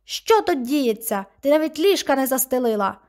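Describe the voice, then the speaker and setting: A woman's voice: sits high, very animated, moderate pace, a little mellow, pitched above the performer's own voice. A stern old grandmother in an audiobook, voiced by a woman narrator, curt and commanding. She scolds in short, clipped orders, her tone cold and bossy. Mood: scolding.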